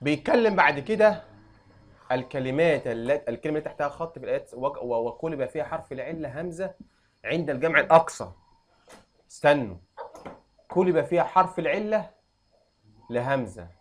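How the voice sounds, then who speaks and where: A young adult man with an Egyptian accent, teaching an Arabic grammar lesson and quizzing students with quick questions. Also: on the high side, lively intonation. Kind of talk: classroom lesson.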